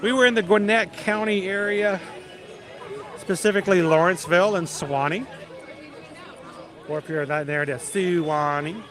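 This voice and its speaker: A middle-aged man from South Georgia with a deep Southern accent, chatting casually and folksily as he hosts a livestream. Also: moderate pace, long pauses, a crowd in the background. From South Georgia, United States. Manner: chatty, folksy, greets viewers by name. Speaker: livestream host. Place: outdoors in a busy theme park.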